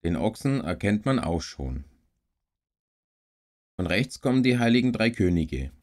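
A man reads a storybook aloud in a low, unhurried voice. His delivery is calm and even, taking time over each sentence. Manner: slow, calm, even reading. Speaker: story reader and streamer. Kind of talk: storybook reading.

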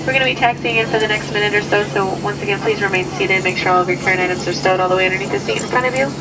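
A woman flight attendant giving a brisk, practised, courteous airline cabin announcement over the PA speaker. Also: mid-range voice. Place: inside an airliner taxiing after landing. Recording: distant PA, loud aircraft cabin noise. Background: loud aircraft engine and air rush.

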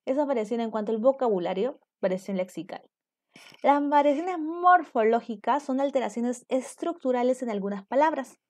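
A woman's voice: on the high side, animated, moderate pace, darkish tone. A young adult woman from Peru, teaching a virtual class and explaining points while checking in with her students. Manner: explanatory, asks students for confirmation.

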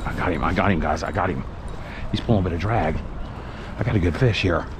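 A middle-aged man, narrating his fishing trip to an action camera in excited, folksy commentary. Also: low-pitched, fast. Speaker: fishing vlogger. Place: outdoors on a windy waterfront. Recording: outdoor wind and boat noise. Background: wind and water ambience.

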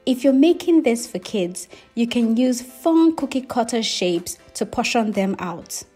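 A woman's voice: a little high, expressive, unhurried, dark tone, faint music behind. Woman narrating a cooking tutorial. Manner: friendly, instructive, step-by-step. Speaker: cooking channel host. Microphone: voice-over, not recorded on camera.

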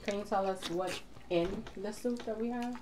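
A woman at a family meal, speaking softly and asking questions about the food. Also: medium pitch, normal speed. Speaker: family member at the table. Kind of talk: casual family chat. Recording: loud background noise, distant from the mic.

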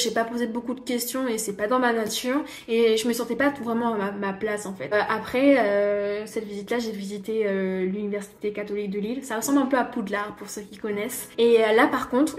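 A woman's voice: on the high side, a little mellow. A woman in her twenties telling her story to camera, thoughtful and hesitant. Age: 20s. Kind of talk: casual testimony to camera. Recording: echoey room.

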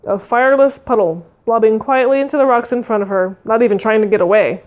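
A woman's voice: on the high side, quick pace, a little mellow. A woman reading a fantasy novel aloud, narrating expressively and voicing the dialogue. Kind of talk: audiobook reading.

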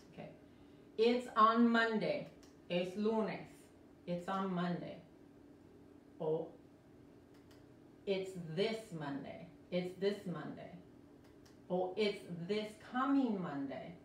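A woman teaching a live-streamed English lesson, explaining slowly and repeating each word several times, with American English when she models words. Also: mid-range voice, slight background noise. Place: indoor room, live stream. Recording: roomy echo from a distant mic.

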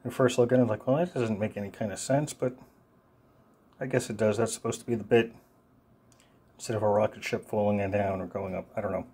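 Low-voiced man demoing a knife casually. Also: steady tone, brisk, long pauses, warm tone, slightly rough. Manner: casual, rambling, many fillers. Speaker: product reviewer. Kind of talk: unscripted one-take product demo.

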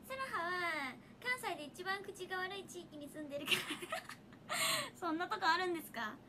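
Young woman streamer, Hiroshima accent, high-pitched and giggly; casual chat with viewers, phone mic close up. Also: big pitch swings, normal speed, background noise. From Hiroshima, Japan. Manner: giggly, chatty, laughs often. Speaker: idol livestreamer. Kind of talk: casual livestream chat reading viewer comments.

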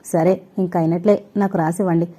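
Narrator as an eager-to-please housewife, placating, dark warm voice. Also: female voice, on the low side, fairly even intonation, fairly quick, close to an everyday voice.

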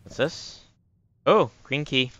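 Slowly and in a medium pitch, this streamer talks himself through his game, muttering his thoughts casually. His voice is a bit bright, the highs are cut off, and faint noise and clicking sit in the background.

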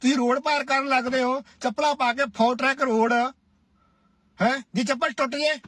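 A man's voice: very high-pitched, fairly even intonation, moderate pace, fairly bright tone, no room sound. A man from India giving a preachy, scolding duet commentary, often asking his listeners "right?". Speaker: social media commentator. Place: Cyprus.

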